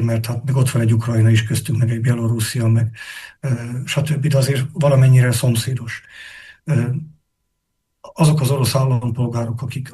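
A male analyst with a warm, darker voice and a faintly husky edge. He answers at length in a measured, explanatory way, stopping often to think aloud. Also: mid-range voice. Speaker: political analyst guest. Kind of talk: interview answers.

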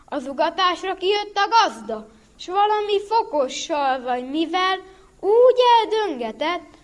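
A woman's voice: very high-pitched, animated, pitched above the performer's own voice. Woman playing a sorry, beaten-up wolf. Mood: aggrieved. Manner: mournful, then telling his woes urgently. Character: sad beaten male wolf. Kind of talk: storybook reading.

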